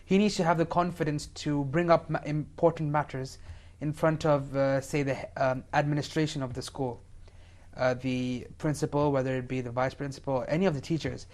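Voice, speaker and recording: A man's voice: fairly high pitch, fairly even intonation, moderate pace, a little mellow. A seventeen-year-old boy from India, speaking as a talk show guest, with frequent fillers. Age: teen. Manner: hesitant, many fillers. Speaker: young guest.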